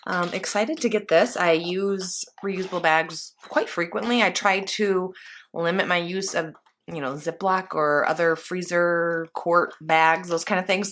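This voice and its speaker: Slightly congested from allergies, a woman with a medium-pitched, somewhat bright voice chats casually to the camera as she unboxes a beauty box. She rambles, using plenty of fillers.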